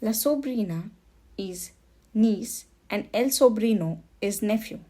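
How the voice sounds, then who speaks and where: A woman gives a slow, patient beginner Spanish lesson. Her voice is soft and mellow, and she repeats each word. She speaks at an unhurried pace in a middle pitch. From India. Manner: patient, repeats words for learners. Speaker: Spanish teacher.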